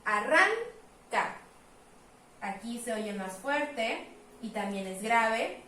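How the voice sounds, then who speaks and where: A woman teaching, patiently explaining at a board, saying example words slowly and repeating them. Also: fairly high pitch, a bit bright. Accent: Mexican Spanish. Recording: echoey room, voice from a distance.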